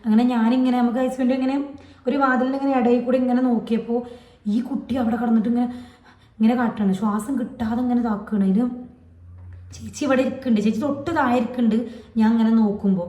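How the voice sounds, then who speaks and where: A woman's voice: fairly high pitch, fairly even intonation, fast, dark tone, roomy sound. A woman, telling a personal story to her channel in a rambling, repetitive way. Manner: rambling, repetitive retelling with many fillers. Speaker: vlogger.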